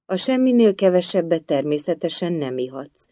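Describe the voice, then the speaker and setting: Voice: medium pitch, sing-song, mellow, no room sound, pitched above the performer's own voice, lightly acted. A storybook reader voicing a bored, wisecracking hare who teases everyone. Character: bored, teasing, sly hare.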